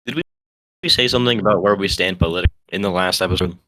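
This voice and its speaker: Young man, casual podcast chat, rambling with fillers, tired, bright voice, dry close sound. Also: deep voice, rapid-fire, no echo, poor audio. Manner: rambling, hesitant, lots of fillers and restarts. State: tired from no sleep. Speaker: podcast co-host.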